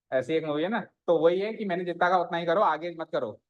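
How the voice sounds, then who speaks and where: A man's voice: a little high, normal speed, dull audio. A male maths teacher giving a classroom lesson, asking the students questions and repeating their answers back to them, with English maths terms mixed into his talk.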